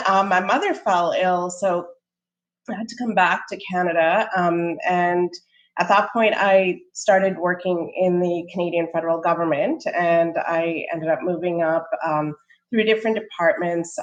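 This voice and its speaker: A woman's voice: lowish voice, poor audio. Friendly woman panelist on a video call. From Sri Lanka. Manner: friendly, many ums, laughs lightly. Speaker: panelist, startup co-founder. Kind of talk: casual panel talk.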